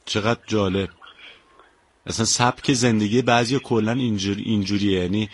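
A man's voice: lowish voice, steady tone, slight background noise. A man hosting a radio talk show who speaks politely and courteously, with frequent thanks and praise for his guest. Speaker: radio host.

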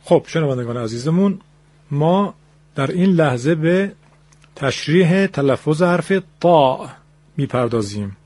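A man's voice: a little high, animated, darkish tone, dry recording. A man teaching pronunciation in a radio lesson, explaining patiently in a formal, polite way and demonstrating each sound aloud.

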